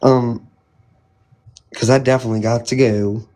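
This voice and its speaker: A man's voice: medium pitch, fairly even intonation, moderate pace, dark tone. A man hosting a casual live chat, talking in a hesitant, rambling, colloquial way. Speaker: live stream host.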